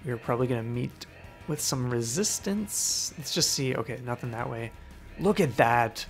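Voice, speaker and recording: A man's voice: mid-range voice, expressive, moderate pace. A man giving casual, upbeat Let's Play commentary and reading the game's text aloud as he goes. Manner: upbeat, easygoing, reads game text aloud. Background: faint game music.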